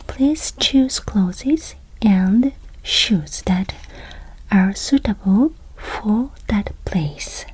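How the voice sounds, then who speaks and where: A Japanese woman with a Japanese accent whispering gentle, reassuring travel tips as the host of an ASMR channel. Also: a little high, husky, low-quality recording. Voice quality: soft whisper throughout. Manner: gentle and reassuring, checks in with the listener.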